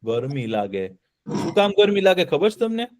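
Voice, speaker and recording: A man tells a story to children, animated and often pausing to quiz them. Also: a little high. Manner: animated, keeps asking the children questions.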